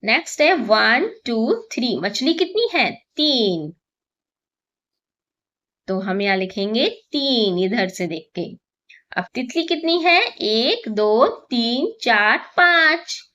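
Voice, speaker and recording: A woman teacher slowly walks through a first-grade exam paper, counting aloud and answering her own questions. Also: a little high, sing-song, a bit bright, muffled recording. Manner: slow, patient, counts aloud and asks questions then answers them.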